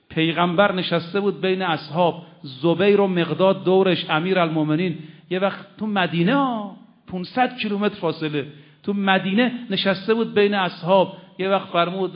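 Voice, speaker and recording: A male preacher delivers an impassioned sermon built around a story, moving between loud declamation, quiet asides, and slow, solemn recitation of Arabic phrases. The recording is muffled and lo-fi.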